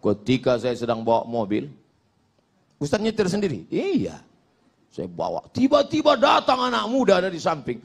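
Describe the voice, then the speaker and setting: A man's voice: sits high, huge pitch swings, normal speed, vocal fry, husky. A middle-aged man from Indonesia preaching a humorous Islamic sermon, telling jokey stories, acting out little exchanges and chanting Arabic verses.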